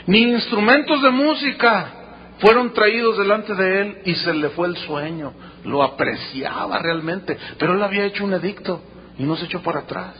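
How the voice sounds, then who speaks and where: A man's voice: sits high, husky, dull audio. A male pastor with a Mexican accent preaching a sermon, telling a Bible story with dramatic quoted dialogue and playful asides. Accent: Mexican Spanish.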